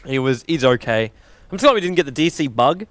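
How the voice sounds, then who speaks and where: A man's voice: mid-range voice, lively intonation, quick pace, no echo. A young man casting esports, chatting and joking between games in a self-deprecating way, laughing often. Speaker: esports commentator. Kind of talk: casual on-air banter between games.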